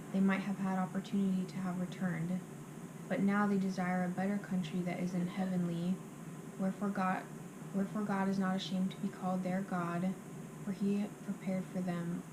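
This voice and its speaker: A woman reciting scripture from memory by rote, in short halting phrases, sometimes restarting them. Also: mid-range voice. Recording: clearly noisy amateur recording.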